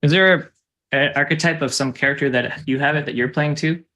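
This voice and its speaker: A man's voice: fairly high pitch, fairly even intonation, fairly quick, bright, forceful tone. Man, host, casual chat, curious, playful, probing.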